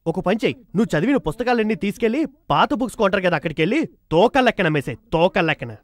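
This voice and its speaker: An actor playing a cheeky, meddling comic uncle in a film comedy scene, teasing and wisecracking. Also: male voice, sits high, lively intonation, racing. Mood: mocking. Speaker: comic relief.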